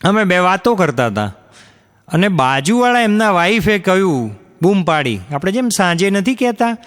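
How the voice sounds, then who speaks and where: A stand-up comedian tells his stories on a live stage. His voice sits a little high for a man, and a long hall reverb trails each line. He slips into other voices to act out the people in his jokes. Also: sing-song, normal speed, a bit bright. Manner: acts out quoted characters with shifts in pitch. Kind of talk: stand-up storytelling in Gujarati.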